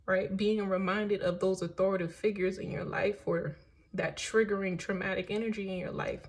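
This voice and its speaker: A woman's voice: medium pitch, fairly even intonation, moderate pace. A woman giving a casual, emphatic tarot reading, encouraging and frank, checking in often with "right?" and "okay?" and swearing now and then. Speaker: tarot reader.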